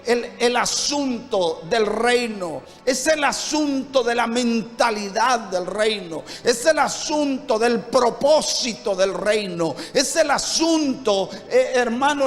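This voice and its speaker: A Honduran man preaches with a very high, slow voice. He builds fervent runs of repeated phrases and rhetorical questions. His voice carries a long church-hall reverb over faint music. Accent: Honduran Spanish. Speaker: pastor. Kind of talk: sermon.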